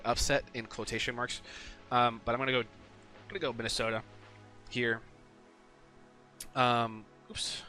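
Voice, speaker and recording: A sports picks video host talks casually on his own through his weekly game picks, rambling with plenty of ums and a bit of swearing. His mid-range voice sounds pushed and bright.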